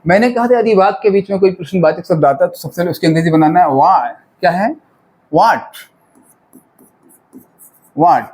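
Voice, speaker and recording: A man's voice: sits high, normal speed, long pauses, a little mellow. A male grammar teacher, giving a classroom-style lesson. He repeats each phrase and keeps quizzing his pupils as children.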